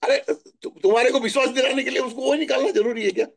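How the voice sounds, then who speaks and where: A middle-aged man from Maharashtra telling stories in a chatty, animated way during a spiritual talk. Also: extremely high pitch, fast talker, creaky. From Maharashtra, India. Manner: chatty, animated storytelling with asides. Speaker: spiritual guest answering questions.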